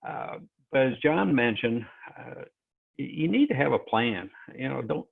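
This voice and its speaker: Gravelly man over a crackly phone line. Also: medium pitch, lively intonation. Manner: halting, many fillers and restarts. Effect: crackly phone-like line that fades in and out. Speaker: moderator of an online session. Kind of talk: presenting talk on a virtual call. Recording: tinny phone-like call audio.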